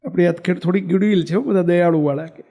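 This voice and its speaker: Male monk, storytelling sermon, high gravelly voice, mellow tone, acts out quoted lines. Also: fast. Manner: asks the audience questions, acts out quoted dialogue.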